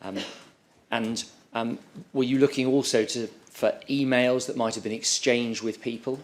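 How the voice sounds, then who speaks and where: Inquiry counsel, male, measured and polite, deliberate questioning. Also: mid-range voice, fairly even intonation. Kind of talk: formal questioning.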